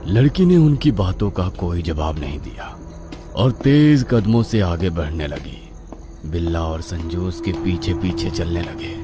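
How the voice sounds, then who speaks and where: A man tells a spooky story in a low voice, unhurried and drawn out. His pitch rises and falls widely to build suspense, and faint background music runs under him. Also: animated, warm tone. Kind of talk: dramatic horror story narration.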